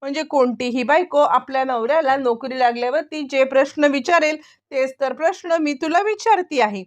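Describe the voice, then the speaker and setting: Probing young wife, high and quick with questions; a woman reads her. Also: lightly acted.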